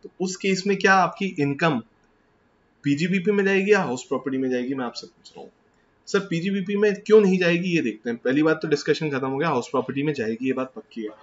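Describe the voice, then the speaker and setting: A man with an Indian accent gives a classroom lecture on tax, his voice sitting a little high for a man. He switches freely between Hindi and English and keeps putting questions to the class before answering them himself. The recording is slightly dull, with faint noise underneath. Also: quick pace.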